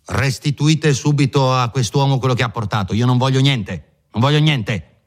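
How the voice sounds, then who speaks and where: A man's voice: deep voice, lively intonation, slow, a little mellow. A man voicing a pompous older country lawyer in an audiobook reading, patronizing at first, then blustering and dismissive.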